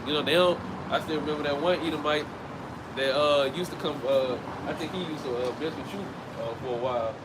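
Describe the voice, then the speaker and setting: This street preacher has a fairly high, brisk voice. Standing by a road, he teaches in a relaxed, chatty manner and keeps restarting phrases while cars go by in the background.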